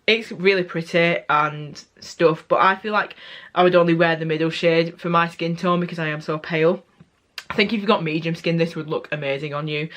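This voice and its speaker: A woman's voice: on the low side, fairly bright tone. A young woman beauty vlogger giving a casual, candid product review, often correcting herself mid-sentence.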